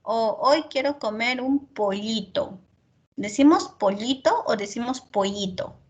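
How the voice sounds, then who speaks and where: A woman's voice: a little high, animated, a little slow. A woman teaching a class, explaining patiently with spoken examples and constantly checking in with short tag questions. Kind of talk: online class lecture.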